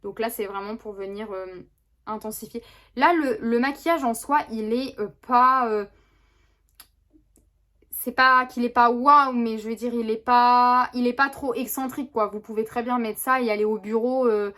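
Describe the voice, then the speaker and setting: A woman's voice: on the high side, normal speed, a bit bright. A woman talking casually through a makeup tutorial, chatty and rambling with many fillers and restarts. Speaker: beauty vlogger. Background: neighbor's lawnmower.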